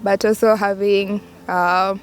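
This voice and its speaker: A woman's voice: medium pitch, flat delivery, slow. A woman with a Kenyan accent introducing herself and answering interview questions. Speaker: programme participant being interviewed. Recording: faint music behind the voice.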